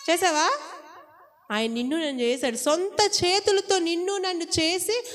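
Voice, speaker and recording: A woman with a high voice preaches an impassioned sermon, throwing question after question at her listeners. Her voice rings out with a long reverb, as if she is speaking in a large hall. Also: normal speed, faint music behind. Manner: impassioned, asks the congregation many rhetorical questions.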